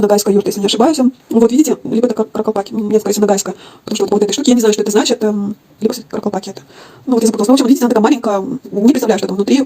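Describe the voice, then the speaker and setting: A woman giving an informal online lecture in a quiet voice with a slushy lisp, thinking aloud and correcting herself as she explains. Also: medium pitch. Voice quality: slushy lisp from a broken tooth; quiet, husky voice.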